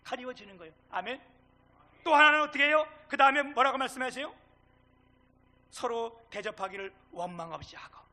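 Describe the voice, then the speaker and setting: A middle-aged male pastor preaching a sermon, animated, swinging between loud and hushed and acting out dialogue. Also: very high voice, fairly quick, long pauses. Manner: acts out quoted dialogue.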